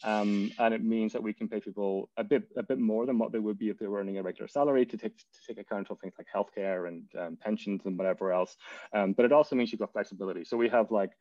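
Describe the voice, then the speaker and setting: A man's voice: on the low side, steady tone, fast, a little mellow, no echo, lo-fi sound. A man with a Donegal, west of Ireland accent talking casually as an interview guest, rambling as he thinks aloud. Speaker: interview guest, tech business founder. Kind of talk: casual interview talk about work and life.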